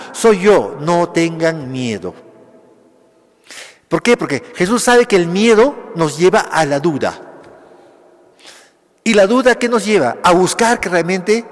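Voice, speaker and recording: A man, a Capuchin priest, preaching a Sunday homily, asking rhetorical questions and answering them himself in short phrases. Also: on the high side. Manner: speaks in short phrases with pauses. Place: church. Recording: long church reverb.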